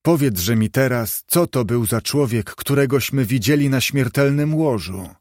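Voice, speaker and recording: A man's voice: mid-range voice, measured pace, a little mellow, no echo, clean studio sound, close to an everyday voice. A man reading the part of an old miser, pleading with a spirit in an urgent tone. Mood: anxious pleading.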